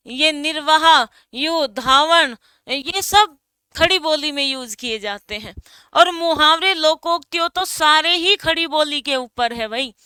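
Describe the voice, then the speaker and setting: A woman's voice: sits high, bright, forceful tone, no echo. A young adult woman teaching an exam coaching lesson, calling out word pairs one after another and stressing the most important items.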